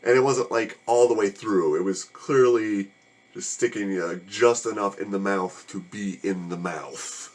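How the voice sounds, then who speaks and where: Deep-voiced, weary, sarcastic man. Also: measured pace. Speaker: movie reviewer. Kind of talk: casual rambling review.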